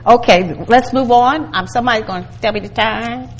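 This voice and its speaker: A woman's voice: a little high, brisk, low-quality recording. Earnest woman leading a Bible study. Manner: earnest, calls for audience responses, builds to emphatic exhortation. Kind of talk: Bible study teaching to a group.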